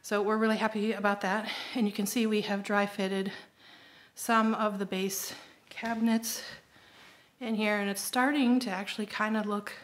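This homestead vlogger is a middle-aged woman with a medium-pitched voice that barely moves in pitch, speaking at normal speed. She casually walks viewers through her kitchen renovation indoors, pointing at things and filling gaps with frequent ums. The clip comes from a handheld phone at arm's length.

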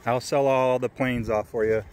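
A son holds a camera outdoors at a small airfield, filming his father for a video while chatting, teasing and narrating casually. His medium-pitched, slightly mellow voice stays steady at normal speed, and there is a little hiss or hum.

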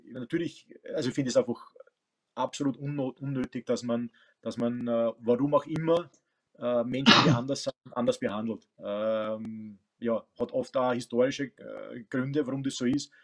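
A man's voice: medium pitch, steady tone, normal speed. A man in his forties with an Austrian accent, a coach and teacher, talking thoughtfully on a video call from his home, with many fillers and restarts. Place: home room with bookshelves. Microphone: webcam on video call.

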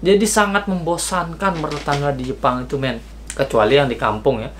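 A young man from Indonesia, telling a story in a casual vlog, slangy and animated, acting out the people in it. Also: on the high side, fairly quick, a little hiss or hum. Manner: slangy, animated, acts out quoted dialogue. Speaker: vlogger.

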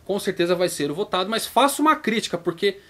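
This YouTube manga channel host is a Brazilian man with a Brazilian Portuguese accent, and his vlog delivery is chatty and casual. He sounds animated, fast and fairly bright, voicing viewers' questions in a higher pitch.

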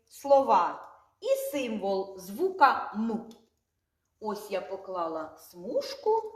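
A woman kindergarten teacher with a Ukrainian accent, speaking slowly and clearly, drawing out sounds and repeating words for the children to echo. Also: a little high, a little mellow. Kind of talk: slow, clearly articulated lesson for small children.

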